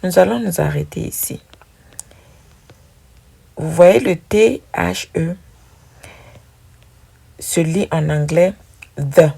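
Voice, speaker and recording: Slow, gravelly-voiced woman teaching pronunciation. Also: low-pitched, dark tone. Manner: slow, patient, repeating sounds for drilling. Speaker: English teacher. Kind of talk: pronunciation lesson.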